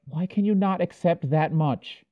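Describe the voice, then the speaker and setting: An actor playing an earnest, hot-headed heroic knight who speaks with indignant passion in an audio drama. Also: male voice, a little high, a little slow, dull audio, close to an everyday voice. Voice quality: impassioned, indignant.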